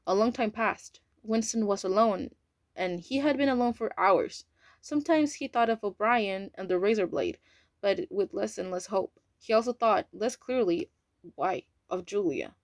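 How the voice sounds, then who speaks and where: A woman's voice: mid-range voice, expressive, normal speed, dry recording, studio quality. Woman reading an audiobook. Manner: casual reading with slips and asides. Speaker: audiobook reader. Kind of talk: audiobook narration.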